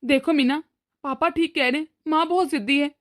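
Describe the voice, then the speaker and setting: A woman's voice: high-pitched, fairly even intonation, brisk, fairly bright tone. A woman voicing a young husband and son in a cartoon, anxious and pleading. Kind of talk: cartoon voice acting.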